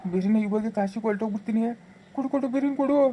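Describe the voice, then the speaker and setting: A woman's voice: on the high side, racing, mellow, slight background noise, close to an everyday voice. A woman playing a guilty village husband who begs his wife for forgiveness, speaking with a rural Chikkaballapura Kannada accent in a pleading way. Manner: pleading and begging. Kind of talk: village family drama skit.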